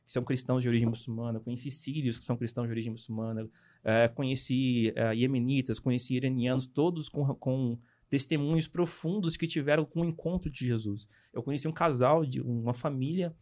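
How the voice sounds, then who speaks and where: A young Brazilian man, a missionary guest, telling his story in a casual interview with animated, hurried speech and frequent tag questions. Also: medium pitch. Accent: Brazilian Portuguese.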